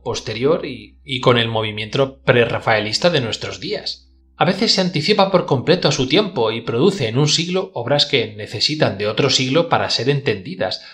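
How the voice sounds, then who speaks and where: A man reading a literary dialogue aloud in a measured, declamatory way with formal diction. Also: medium pitch, a bit bright. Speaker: audiobook narrator.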